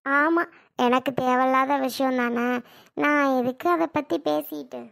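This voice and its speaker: A woman acts out a sharp-tongued younger sister who snaps and then coaxes, in a family comedy skit. Her voice is high with a gravelly edge. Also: full character voice. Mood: coaxing scolding. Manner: scolding yet coaxing, quick to snap.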